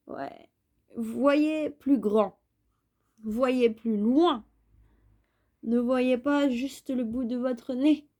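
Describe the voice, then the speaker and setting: Woman tarot reader, unhurried and mellow, chatty with playful asides. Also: high-pitched. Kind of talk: casual tarot reading monologue.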